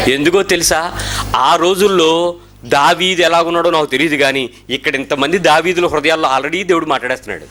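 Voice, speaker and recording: A male pastor preaches with a high, bright, forceful voice. He talks in an animated way, questions the congregation and acts out their prayers. Faint music plays behind him. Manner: mixes English words into his preaching. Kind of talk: sermon.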